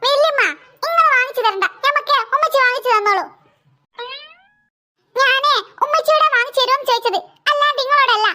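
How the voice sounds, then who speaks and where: Performer doing whiny stubborn cartoon boy, Malabar accent, very high and bright. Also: brisk, pauses often, exaggerated voice. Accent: Malabar Malayalam. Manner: whiny, pleading, wails when hurt. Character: stubborn little boy demanding a cap.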